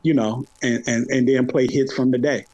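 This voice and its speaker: Medium-pitched with fairly even intonation and a moderate pace, this middle-aged Atlanta man is heard over crowd noise and poor audio. As a hip hop podcaster guesting on a podcast, he talks casually and repeats phrases to drive points home.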